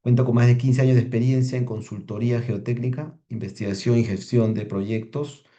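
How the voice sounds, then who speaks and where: A man hosting a technical webinar over a video call, introducing the speaker in a halting way with many repeated words. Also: on the low side, warm tone. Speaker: webinar host.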